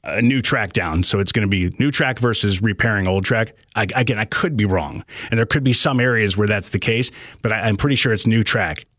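A man's voice: fairly low pitch, brisk, hardly any pauses, a bit bright, no room sound. A middle-aged man hosting a casual radio call-in show from a studio, rambling and hesitant as he chats. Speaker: radio talk show host. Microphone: close studio microphone.

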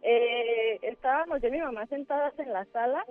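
A woman caller with a Mexican accent, haltingly telling a ghost story over the phone and mimicking noises. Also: on the high side, no room sound. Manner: halting, with filler words and sound effects. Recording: tinny phone line with faint music.

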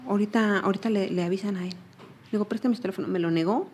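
A woman's voice: mid-range voice, rapid-fire, a little mellow, slight background noise. A young woman with a Mexican accent giving personal testimony in an interview, earnestly retelling events and often repeating herself.

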